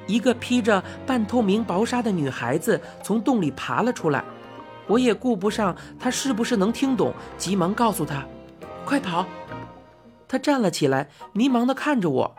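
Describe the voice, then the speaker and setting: Lively woman reading a storybook. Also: mid-range voice. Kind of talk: storybook narration.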